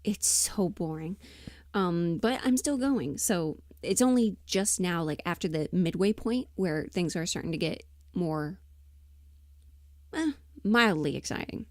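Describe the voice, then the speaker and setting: Recorded dry and at studio quality, the livestream host speaks unhurriedly in a fairly low voice with lively intonation. She's also an amateur voice performer, and she rambles casually, muttering asides to herself while thinking aloud.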